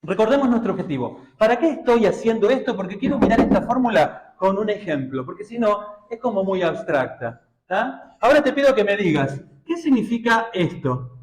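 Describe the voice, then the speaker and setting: A man's voice: high-pitched, sing-song, normal speed, echoey room, poor audio. A man with an Argentine Spanish accent teaching a math class, constantly asking his students questions and checking that they follow. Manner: questioning, checks understanding often, colloquial.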